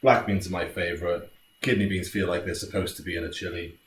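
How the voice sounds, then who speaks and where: A man's voice: sits low, steady tone, fast. British male home cook, chatty and jokey, casual tutorial delivery; roomy, distant recording with faint noise. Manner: laid-back, jokey, chatty. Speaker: home cook presenting a recipe. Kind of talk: casual cooking tutorial chat.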